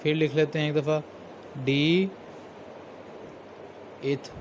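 Slow, patient man teaching shorthand strokes. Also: a little high, fairly even intonation, slight background noise. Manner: slow, patient, repeats each stroke aloud. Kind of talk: step-by-step lesson while writing.

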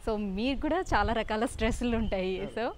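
A woman's voice: fairly high pitch, normal speed, a little hiss or hum. A woman news channel anchor interviewing a guest with polite, leading questions.

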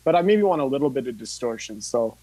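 Quick and lively in intonation, a mid-range male voice belongs to a workshop instructor in his thirties demonstrating hands-on and chatting informally as he thinks aloud. It's a rough recording from a home studio room with tape gear.

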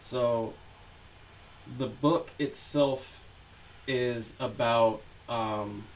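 A man's voice: medium pitch, drawn-out words, poor audio. Laid-back man reading his own fiction. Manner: relaxed, filler-heavy chat. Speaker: author reading his novel. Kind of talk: casual chat, then reading prose aloud.

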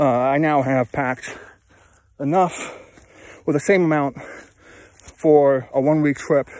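A man in his thirties walking outdoors, talking to a phone held at arm's length in a halting, self-deprecating way, sweaty from hiking. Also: mid-range voice, a little mellow, dry recording. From California, USA. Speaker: travel vlogger. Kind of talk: rambling walk-and-talk vlog. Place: outdoors on open hills.

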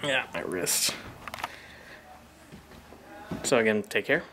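A man's voice: lowish voice, expressive, slow. A man talking in a casual vlog, rambling with many fillers and restarts, a bit out of breath. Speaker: vlogger. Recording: noisy background.

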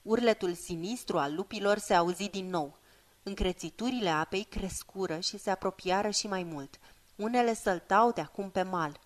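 A woman narrating a fantasy audiobook in a measured, expressive reading voice. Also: medium pitch.

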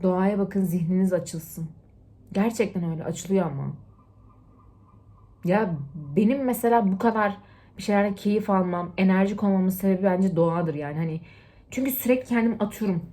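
A young woman chatting straight to her followers, giving life advice. She talks in an animated, lecturing way, jumping from loud bursts to hushed asides. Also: medium pitch, brisk. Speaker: TikTok vlogger. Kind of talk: casual motivational chat to camera.

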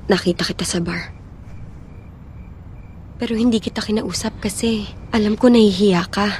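A woman's voice: medium pitch, normal speed, darkish tone, slight background noise. Earnest woman in a comic parody. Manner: earnest, pleading. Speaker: parody performer playing a pleading younger sister. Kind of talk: comedic film parody acting.

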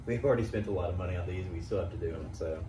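A man's voice: low voice, very fast. A man in his thirties giving a laid-back, casual review and speaking to viewers as guys. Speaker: co-host of a product review. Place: small indoor room, seated. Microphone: camera a few feet away. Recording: roomy, distant mic, noisy background.

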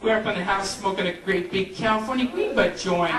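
A man's voice: sits high, brisk. A man in his thirties doing stand-up comedy, rambling through stories with a handheld mic on a club stage. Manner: loose, rambling storytelling with stoner voices. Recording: far, roomy, noisy camcorder tape.

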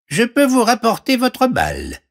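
A man's voice: very high-pitched, wildly swooping pitch, a little slow, pitched above the performer's own voice, full character voice. A man voicing a polite little frog. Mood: calm. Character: small warty green male frog, patient.

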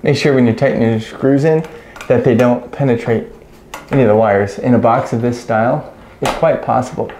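A man in his thirties, an electrician, explains each step while he installs a ceiling light, in a relaxed, practical way. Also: mid-range voice, a little fast, a little hiss or hum. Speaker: electrician instructor. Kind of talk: hands-on how-to narration. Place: small room in a house, indoors.

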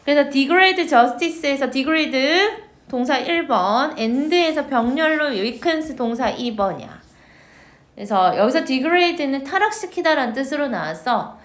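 A woman with a high voice gives an exam-prep English lecture. She talks in a casual, chatty way, putting questions to the class and then answering them herself. The room gives her voice a noticeable echo. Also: expressive, slow. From South Korea. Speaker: English teacher.

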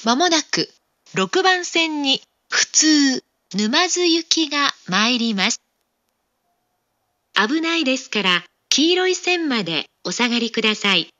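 A woman making formal, scripted train station announcements in a measured, carefully enunciated way. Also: high voice, pushed and bright, dry recording, lo-fi sound.

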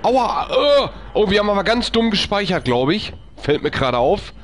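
High-voiced, jumpy gaming streamer guy. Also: lively intonation, brisk, fairly bright tone, soft background music. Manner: panicky, swears and repeats phrases in bursts. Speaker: let's play streamer. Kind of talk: live gameplay commentary.

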